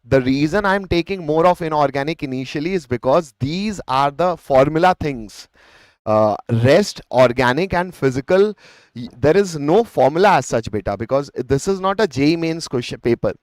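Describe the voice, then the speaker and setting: A man's voice: a little high, animated, moderate pace, no room sound. A man with an Indian accent giving a live exam-revision lecture as a teacher, explaining step by step, repeating phrases and answering his own questions. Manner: explanatory, poses questions and answers them himself. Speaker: chemistry teacher.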